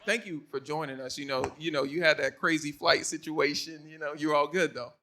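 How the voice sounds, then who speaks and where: A man's voice: a little high, fairly even intonation, brisk, sharp tone, a little hiss or hum. A man hosting a casual onstage interview, calling to the crowd as y'all in an upbeat way. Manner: hyped, addresses crowd as y'all. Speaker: interview host. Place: stage before a live audience.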